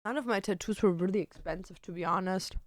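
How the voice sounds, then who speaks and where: A young woman who works as a tattoo artist talks loosely with her stream viewers, fielding their questions in a chatty way peppered with "like" and "dude." Her medium-pitched voice moves fast. The recording is dry and studio-clean.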